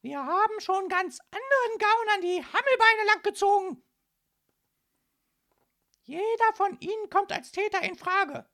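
A woman voicing a tall young policewoman, shouting in a shrill, domineering way in a storybook reading. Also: expressive, a little slow, pauses often, heavily acted. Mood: shrill bossy. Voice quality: shrill, barking.

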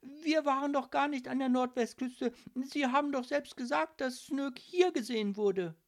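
Woman voicing an eager young woman, high-pitched. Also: expressive. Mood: earnest. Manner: quick, eager. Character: young woman, quick and earnest.

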